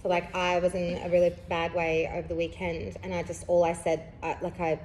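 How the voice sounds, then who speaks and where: A woman's voice: lowish voice, completely flat delivery, a little fast, darkish tone, slight background noise. A young woman, chatting candidly as a podcast host, rambling with lots of fillers and laughing through heavy subjects. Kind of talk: casual candid chat.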